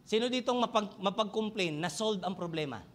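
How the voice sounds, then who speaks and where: A man's voice: high-pitched, animated, fairly quick, a bit bright. A man with a Filipino accent preaching a sermon in church, switching between Tagalog and English and asking the congregation questions. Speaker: pastor.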